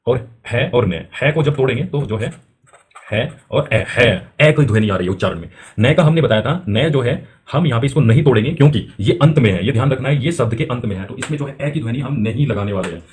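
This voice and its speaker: A man teaching beginners at a middle pitch for a man. He works slowly through each letter, asks a question, then answers it himself, and stretches out the letters as he spells. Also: expressive, darkish tone. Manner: repeats filler phrases, drags out spelled letters. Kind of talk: spoken-English lesson for beginners.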